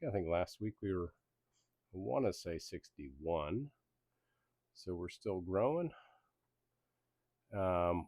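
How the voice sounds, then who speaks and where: Deep-voiced guy from belgium and germany doing a laid-back league rundown, lots of ums. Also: warm tone, no echo. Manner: easygoing, rambling, many ums. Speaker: league host. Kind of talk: casual sports league recap.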